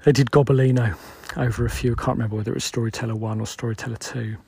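A man's voice: mid-range voice, fairly even intonation, racing, gravelly, dark tone, a little hiss or hum. A British man in his forties, host of a solo podcast, musing aloud in a loose, rambling way.

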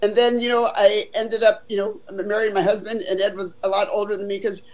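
Telling her life story in a chatty interview, an older Southern California woman speaks a little fast in a deep, slightly mellow voice with little pitch movement, often saying "you know." The recording is low quality.

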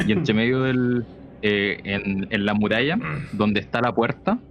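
A man with a Chilean Spanish accent narrating a tabletop role-playing game as game master, calm and measured. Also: lowish voice. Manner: calm, measured scene description. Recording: dull lo-fi mic with faint noise.

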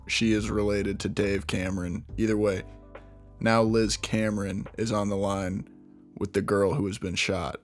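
A man hosting a true crime podcast, recounting a case in a casual, conversational way with frequent restarts and asides. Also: lowish voice. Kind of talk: casual storytelling narration.

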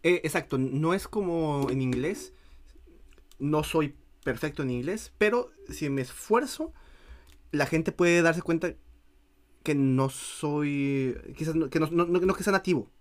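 Halting man in casual chat. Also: fairly high pitch. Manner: halting, lots of restarts and repeats. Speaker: podcast co-host.

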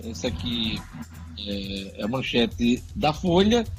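A man's voice: mid-range voice, very animated, slow pace, faint music behind. A man hosts radio news, reading items live and adding informal comments.

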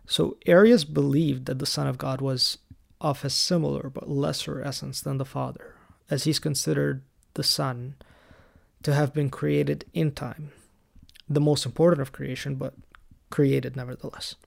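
Man, very gravelly voice, podcast host, calm explainer, lightly wry, mid-pitched. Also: normal speed. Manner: raised in the Coptic Orthodox Church. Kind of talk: solo teaching podcast.

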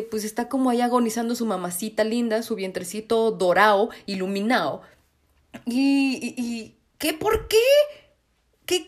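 A young woman with a Mexican Spanish accent rants as a podcast host, her pitch leaping up in indignation and dropping into mumbled asides. She swears freely, with a slightly high voice. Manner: animated, swearing, swinging between indignant outbursts and muttered asides. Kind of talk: casual ranting commentary.

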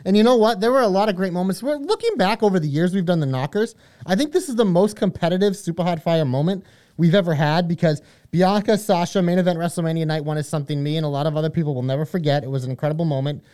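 A man's voice: sits high, fast talker, a little mellow. A man co-hosting a podcast in a casual style, talking with an emphatic fan's enthusiasm. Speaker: podcast co-host. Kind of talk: casual fan discussion.

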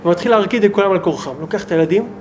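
A man teaching as a rabbi to a small group, talking in an animated, emphatic way with many rhetorical questions. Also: high-pitched, soft background music.

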